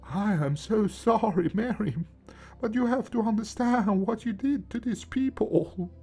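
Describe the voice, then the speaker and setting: A man voicing a frightened, guilt-ridden elderly grandfather in a horror story, with a slow, strained, halting voice. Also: fairly high pitch, lively intonation, dark tone, husky, faint music behind, pitched above the performer's own voice, exaggerated voice. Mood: remorseful. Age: older. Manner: halting, broken speech.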